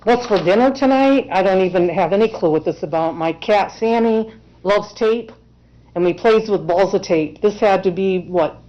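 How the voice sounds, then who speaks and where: A woman's voice: mid-range voice, normal speed. A woman representing herself in court, giving earnest, emotional testimony in a courtroom. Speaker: self-represented respondent in court. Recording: dull lo-fi courtroom recording.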